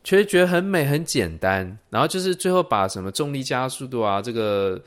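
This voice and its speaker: A young man co-hosting a casual chat show, talking quickly and chatting, with many short agreeing sounds. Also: medium pitch, expressive. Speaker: podcast co-host.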